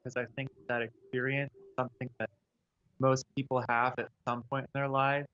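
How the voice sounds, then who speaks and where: A man calling in on speakerphone, speaking thoughtfully and haltingly as he searches for his words. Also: mid-range voice, little pitch movement. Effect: speakerphone call. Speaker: caller. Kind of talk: casual call-in conversation. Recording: muffled speakerphone line with faint hiss, cutting out.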